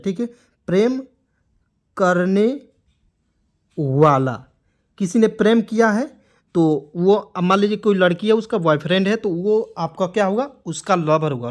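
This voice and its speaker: A man teaching English words, spelling them letter by letter and drilling each one with repeated questions and answers. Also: sits high. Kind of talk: classroom-style spoken lesson.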